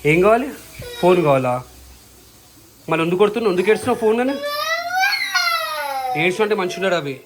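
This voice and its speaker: A man's voice: sits high, animated, very fast, long pauses, background noise. A man, chatting casually with his family and scolding and coaxing a crying child. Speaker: vlogger, father.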